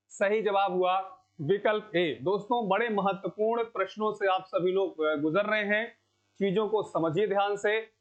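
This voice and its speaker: A man teaching an exam-prep lecture, repeating key answers and quizzing the class. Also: sits high. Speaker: coaching teacher. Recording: dull lo-fi sound.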